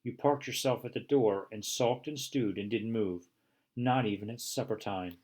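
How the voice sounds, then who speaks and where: Soft-spoken storybook dog, wistful and gentle, read by a man with a husky voice. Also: lowish voice, normal speed, natural voice. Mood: nostalgic.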